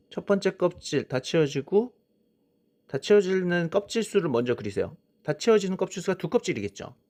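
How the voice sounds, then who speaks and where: This science lesson is delivered by a man whose voice is a little high and somewhat mellow. He illustrates on a worksheet, frequently begins with "자", answers his own questions, and repeatedly uses "자" and "그쵸?" to prompt.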